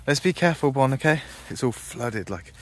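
In an animated, mid-range voice and at a slightly quick pace, a man talks his way through a casual farm vlog. He walks past a ditch and fields, chatting and thinking out loud.

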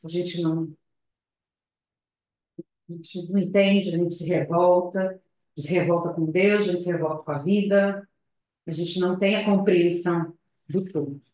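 A woman gives a public talk at a spiritist center over a video call. She speaks in a slow, reflective, hesitant way, often adding tag questions. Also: lowish voice, fairly even intonation, warm tone. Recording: very echoey room.

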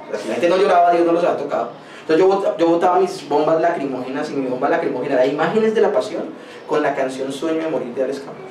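A man's voice: on the high side, rapid-fire, darkish tone. A man pastor preaching a sermon, pressing his points with rhetorical questions and personal anecdotes. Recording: echoey room, voice from a distance, faint noise.

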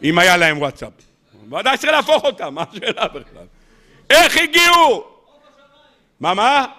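A man, a rabbi, gives a weekly sermon to a live audience. He asks lively rhetorical questions and acts out the stories with humor. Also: high-pitched.

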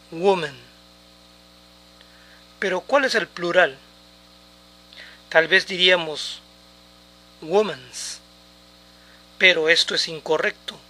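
Slow, bright-voiced man teaching English. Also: high voice. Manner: repeats English words slowly for pronunciation drills. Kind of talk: slow, deliberate language lesson.

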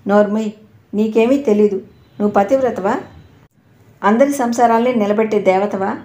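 A woman's voice: mid-range voice, normal speed, mellow, echoey room, natural voice. A woman voicing an angry, suspicious young husband who mocks and accuses his wife in a harsh way.

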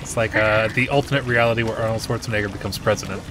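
A man's voice: fairly low pitch, steady tone, rapid-fire. A man giving casual esports color commentary, laughing often and making dry quips. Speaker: esports co-caster. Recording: noisy line with background music.

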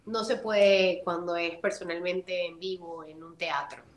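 A woman from Venezuela, a guest actress chatting in an interview and telling stories with lively acted-out quotes. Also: unhurried. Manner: animated storyteller, acts out quotes with big pitch jumps. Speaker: actress and voice-over artist, guest. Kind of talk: casual interview chat. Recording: roomy echoey room.

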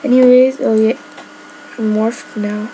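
A woman's voice: on the high side, little pitch movement, measured pace, dark tone, a little hiss or hum, poor audio. A woman giving casual gameplay commentary, rambling with lots of filler words. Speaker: gamer.

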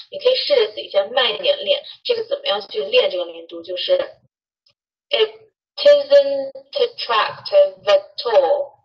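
A woman English teacher in a recorded lesson, lively, demonstrating phrases slowly. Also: medium pitch. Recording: dull distant playback.

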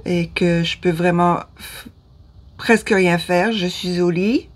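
A woman's voice: on the low side, fairly even intonation, takes it slowly. A woman in her fifties from Ottawa with a Canadian French accent, talking to camera in a hesitant way, often losing her words and restarting. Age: 50s. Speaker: vlogger. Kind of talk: casual talk to camera. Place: small room indoors.

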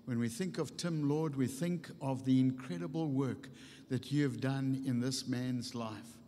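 A man's voice: mid-range voice, measured pace, warm tone. An older man, a pastor, leading an earnest public prayer in unscripted, repeating phrases. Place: church stage at a lectern, indoors. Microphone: microphone on a stand at the lectern. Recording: long hall reverb.

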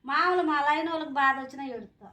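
A woman in casual chat giving short, quick replies. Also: high-pitched, a crowd in the background. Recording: echoey room from a distance.

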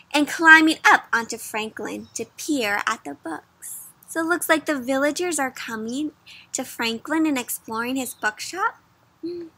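A young woman reading picture books to kids outdoors under trees keeps things interactive, addressing her listeners with frequent questions. Her voice is high, very bright, and full of animation.

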